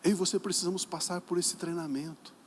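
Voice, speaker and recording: A middle-aged man with a Brazilian Portuguese accent preaching a sermon as pastor, emphatic and dramatic, acting out dialogues and swinging from soft to loud. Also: high-pitched, steady tone, fast, slight background noise. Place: church sanctuary during a service.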